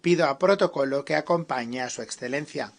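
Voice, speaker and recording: A man's voice: medium pitch, fairly quick. A man presiding over an assembly, reading ceremonial announcements and introductions in a formal manner. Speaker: assembly president chairing the session. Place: large assembly hall.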